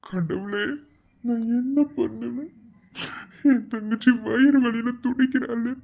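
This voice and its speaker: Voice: medium pitch, warm tone, highs cut off, lightly acted. A performer voicing a loving elder brother in a cartoon, tenderly soothing his sister.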